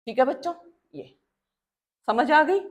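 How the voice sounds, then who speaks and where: A woman teaching a biology lesson while drawing. She keeps quizzing her students and answers her own questions, and she slows right down to drill key terms. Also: high voice, animated. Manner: drills terms slowly and repeats them.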